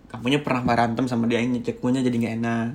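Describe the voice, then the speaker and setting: Young guy, mid-pitched, casual storyteller who swears and adds sound effects. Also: completely flat delivery, rapid-fire. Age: young adult. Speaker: vlogger.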